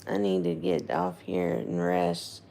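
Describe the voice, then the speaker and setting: A woman chatting casually and informally to livestream viewers, her voice hoarse and giving out as she rambles and checks in with them. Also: low-pitched, big pitch swings, slow, warm tone. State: hoarse, losing voice, throat gone. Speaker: livestream host, nursing home resident.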